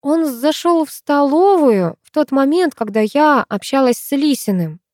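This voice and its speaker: A woman's voice: sits high, animated, measured pace, darkish tone, dry recording, voice pushed up. A woman voicing a wary, sardonic teenage schoolgirl with a dry, skeptical manner.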